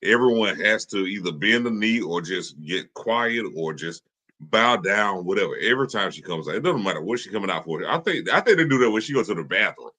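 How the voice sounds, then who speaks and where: Emphatic, bright-toned male co-host. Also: on the low side, expressive, a little fast. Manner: emphatic, repeats himself. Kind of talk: casual chat.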